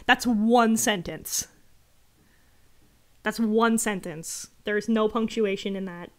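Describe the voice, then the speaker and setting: A woman's voice: mid-range voice, steady tone, takes it slowly. A woman hosting a livestream, reading a letter aloud and picking it apart in an exasperated, sarcastic rant with swearing. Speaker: livestream host.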